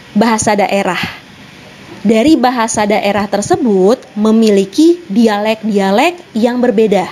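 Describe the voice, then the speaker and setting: A woman's voice: on the high side, a little mellow, slight background noise. A young woman teacher giving an online lesson, explaining step by step with many examples.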